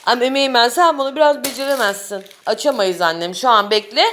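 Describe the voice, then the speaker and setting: A woman's voice: fairly high pitch, quick pace, a bit bright, a little hiss or hum. A young mother talking to her small children in a casual family vlog, coaxing and cooing at them.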